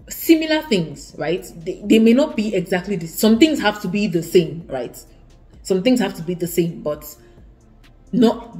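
A young Nigerian woman with an Igbo accent, a student vlogger, gives earnest, casual advice to the camera from her living room. Her voice sits on the low side and sounds mellow, and she often restarts sentences and repeats herself.

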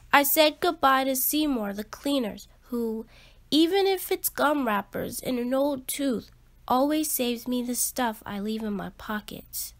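Slow, deliberate emphasis marks a woman's expressive reading of a children's picture book. Her voice is fairly high, and she takes her time.

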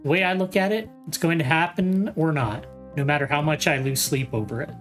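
A man voicing a calm, teasing young woman warrior, reading fantasy game dialogue in an easygoing way. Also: fairly high pitch, a little fast, close to an everyday voice. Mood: relaxed. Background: game music.

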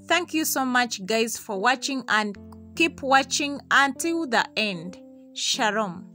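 Animated and slow-paced, a young Ugandan vlogger with Luganda as her first language hosts a casual video outdoors in a village yard, speaking to a tripod camera a few meters away. Her voice sits on the high side, pushed and bright, over faint music, as she greets viewers, calls them "guys" repeatedly and thanks them often.

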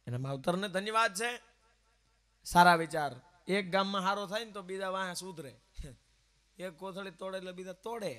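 A man's voice: high voice, pushed and bright. A man, a folk singer telling comic stories and a little moral advice on a live village temple stage, acting out the quoted voices. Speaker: folk singer telling jokes between songs.

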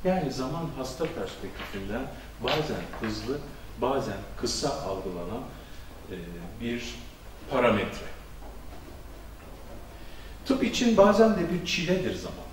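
A middle-aged male physician gives an academic symposium talk in a conference hall, lecturing in a measured way with frequent hesitation fillers. His medium-pitched voice has a sing-song quality and comes through a handheld mic. The distant camera audio is noisy and echoes heavily around the hall.

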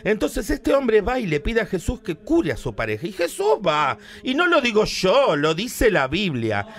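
Rioplatense man, campy comic storyteller, voice that swings high and lively. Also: moderate pace. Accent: Rioplatense Spanish. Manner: flamboyant, theatrical, jumps into shrieking character voices. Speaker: radio comedian. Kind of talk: comic retelling of a Bible story.

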